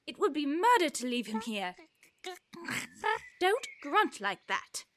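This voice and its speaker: Curious young Alice, bright and high. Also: female voice, big pitch swings, slow, a little hiss or hum, full character voice. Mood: tender. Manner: wondering, polite, talks to herself. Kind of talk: audio drama acting.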